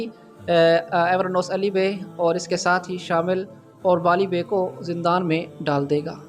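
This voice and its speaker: A man hosting a drama review channel, speaking in a formal commentary style and often addressing his viewers directly with a raised, emphatic voice. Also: high-pitched. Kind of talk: scripted-sounding video commentary.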